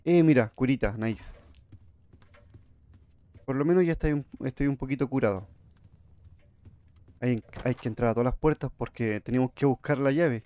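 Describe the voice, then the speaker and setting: A man's voice: mid-range voice, normal speed, long pauses, warm tone, dry recording. A man giving jumpy, chatty horror game commentary, talking to his viewers. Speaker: gamer streamer.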